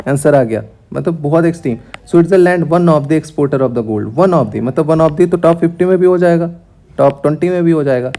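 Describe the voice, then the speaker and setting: Young guy tutoring for a big exam, fairly high voice but mellow and relaxed, talks straight at you. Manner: brisk, talks straight to students, mixes English terms into Hindi. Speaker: exam prep teacher. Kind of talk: explaining exam questions.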